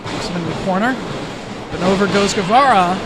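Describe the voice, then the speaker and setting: Guy doing wrestling play-by-play, high voice, lots of hiss and noise behind. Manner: brisk move-by-move calling. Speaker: play-by-play commentator. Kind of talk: wrestling commentary. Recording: noisy arena feed.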